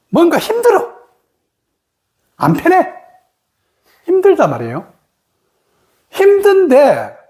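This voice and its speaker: A woman meditation teacher speaks in a high voice with a lively, swooping pitch. She explains patiently through everyday examples. She draws the listeners in with rhetorical questions.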